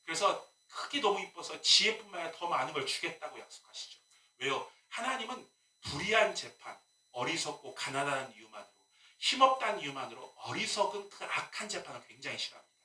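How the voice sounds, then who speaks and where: A male pastor preaches with a high, strikingly bright and forceful voice that swings widely in pitch. He keeps throwing rhetorical questions and wry asides at his congregation. The sound comes from a distance in an echoey church sanctuary. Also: sing-song, brisk. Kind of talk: sermon. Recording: echoey room, mic at a distance.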